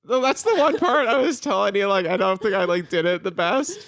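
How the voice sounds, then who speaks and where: A man's voice: high-pitched, animated, fairly quick, a bit bright, no room sound, clean studio sound. A young man co-hosting a podcast, chatting casually and rambling with fillers and laughter. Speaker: podcast co-host. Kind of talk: casual chat.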